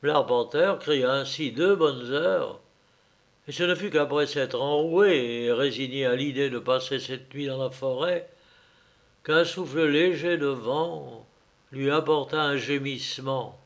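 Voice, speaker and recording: A man narrating a classic story aloud in a measured, deliberate reading. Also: medium pitch.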